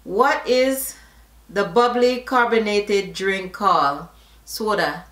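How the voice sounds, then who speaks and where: A middle-aged Jamaican vlogger with a Jamaican accent reads a word list and some questions aloud in a casual vlog, going slowly and deliberately and slipping into patois asides. Her voice is mid-range and a bit bright, and the sound is reverberant. The camera faces her at close range.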